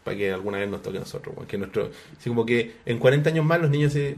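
A man's voice: mid-range voice, expressive, racing, vocal fry. Joking Chilean man in casual chat. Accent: Chilean Spanish. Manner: joking, slangy, rambling. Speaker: podcast co-host.

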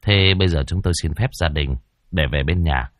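Man voicing a young exorcist guy, calm and measured, lowish. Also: no room sound, clean studio sound, close to an everyday voice. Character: young male exorcist, aloof then flustered.

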